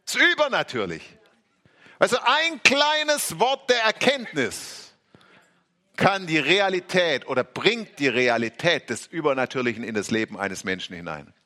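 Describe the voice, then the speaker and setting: Fervent preacher man, bright and high. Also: sing-song, a little slow. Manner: fervent, repetitive exclamations, speaks in tongues. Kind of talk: charismatic sermon. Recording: faint music behind.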